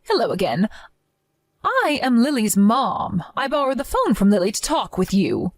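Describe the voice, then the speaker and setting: Woman playing a middle-aged mother, calm and pointed, somewhat high voice, lively pitch swings, dry close recording, chat-story drama. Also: normal speed, no echo.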